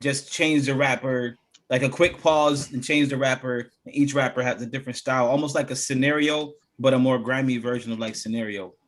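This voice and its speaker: A man's voice: mid-range voice, steady tone, fairly quick. A man co-hosting a beat-making stream, chatting in an enthusiastic, loose way with many "like"s. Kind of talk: casual chat.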